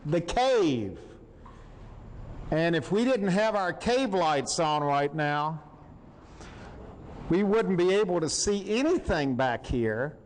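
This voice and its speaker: A man's voice: fairly high pitch, animated, slow pace, a little hiss or hum. A man hosting on location inside a sea cave, talking in wide-eyed, exclamatory amazement, with cave echo around his voice. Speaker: host of a travel show. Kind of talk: excited on-location narration and chat. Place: inside sea caves on water.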